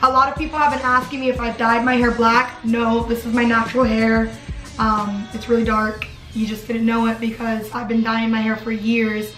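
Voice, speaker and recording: A woman's voice: a little high, flat delivery, moderate pace, fairly bright tone, soft background music. Chatty young woman vlogger, roomy sound. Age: 20s. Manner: chatty, lots of "like" fillers. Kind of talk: casual chat. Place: dorm room.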